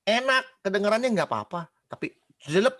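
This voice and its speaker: Lively, chatty preacher man. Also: high-pitched, a little fast. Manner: animated, quizzes the congregation, mimics gossip. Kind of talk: casual sermon.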